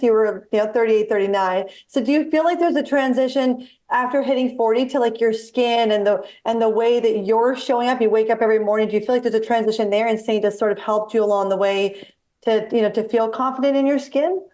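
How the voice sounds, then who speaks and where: A woman's voice: fairly high pitch, a little fast, a little mellow. Affirming woman host in her forties. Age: 40s. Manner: affirming, asks long rambling questions. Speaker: podcast host. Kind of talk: casual interview chat.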